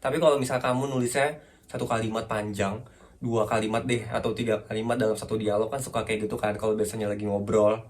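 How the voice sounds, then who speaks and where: A man's voice: fairly low pitch, fairly even intonation, quick pace. Chatty young man teaching writing. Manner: chatty, self-correcting, laughs often, asks viewers questions. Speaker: writing tips host. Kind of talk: casual spoken lesson.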